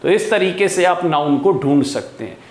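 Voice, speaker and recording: In a classroom, a man teaches English grammar in Hindi with a high-pitched, expressive voice at a moderate pace, and the sound is roomy. He keeps asking his students questions, answers them himself, and says "guys" often.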